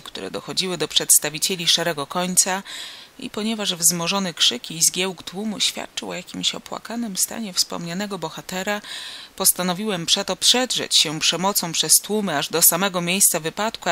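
A woman reads a classic adventure story aloud for an audiobook. Her delivery is theatrical and ornate, her tone bright, and a gravelly rasp runs through her voice. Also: lowish voice, normal speed. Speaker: audiobook reader. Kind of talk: scripted storybook narration.

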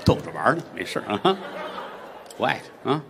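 A man's voice: medium pitch, very animated, a little fast, creaky, a bit bright, a faint crowd, slight background noise. A male comedian telling a story solo and bantering with the audience on a live stage.

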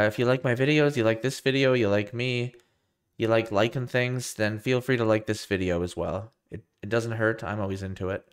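A man's voice: fairly low pitch, clear, resonant tone. A young man talking casually to his live stream while getting over a cold, his voice nasal and his talk loose and rambling. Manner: rambling, loose and self-deprecating, many restarts. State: tail end of a cold. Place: home room with a computer rack.

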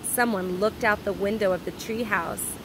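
A woman with a mid-range voice reads a children's story aloud at normal speed, expressive like a teacher. She's recorded outdoors, with clear ambient noise around her.

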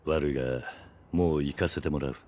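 A man playing a stoic, gruff middle-aged ex-yakuza in a video game, with terse, blunt gangster speech. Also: a bass voice, fairly even intonation, brisk, darkish tone, slight background noise. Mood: gruff, unhurried. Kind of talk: video game drama acting.

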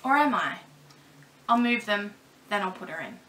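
A woman's voice: medium pitch, sing-song, normal speed, pushed and bright. A woman chatting casually to her camera while packing a parcel at home, a little nervous and apologetic, with her camera mic set a fair way away from her. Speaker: doll vlogger.

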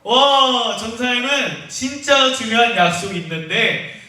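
Young man, children's church teacher, playful and teasing, high bright voice, echoey room, distant mic. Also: unhurried. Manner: playful, teasing, talks directly to kids by name. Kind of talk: online Sunday school lesson for children.

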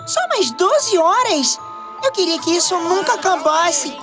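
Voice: very high voice, expressive, unhurried. A performer voicing an eager, dramatic young boy in a cartoon dub, with exclamatory delivery. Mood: hopeful excited. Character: excitable eleven-year-old boy, eager and dramatic. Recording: music underneath.

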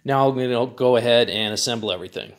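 A man's voice: mid-range voice, fast talker, very noisy. Guy explaining his diy project step by step, plain and methodical, workshop vibe. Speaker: DIY channel host. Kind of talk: step-by-step build tutorial.

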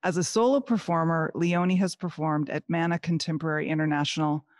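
A woman's voice: deep voice, steady tone, fairly quick, dry recording, studio quality. A woman hosting a museum artist talk outdoors, reading a formal guest introduction from notes. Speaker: museum host, moderator. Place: outdoor courtyard.

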